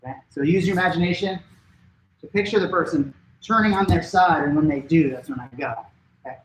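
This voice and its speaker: A man teaching a martial arts class at home, giving brisk step-by-step coaching cues to follow along. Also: fairly high pitch, reverberant, a little hiss or hum, rough recording. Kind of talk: live-streamed class instruction. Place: home training room.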